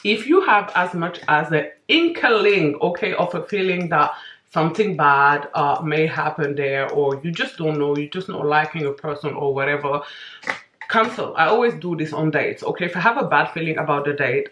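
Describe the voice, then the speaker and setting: A woman's voice: low-pitched, expressive, moderate pace, a bit bright. A woman giving casual, emphatic big-sisterly advice in a chatty monologue while applying her makeup, often checking in with "okay?". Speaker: vlogger giving life advice. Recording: roomy indoor echo.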